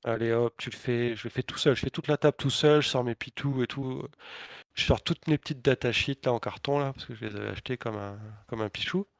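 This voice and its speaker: Podcast co-host, male, mid-pitched, swears freely, animated storyteller, dry close sound. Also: fast talker, creaky, no echo. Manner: animated, crude slang and swearing; frequent filler hesitations. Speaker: podcast co-host and competitive player. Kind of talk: casual storytelling chat.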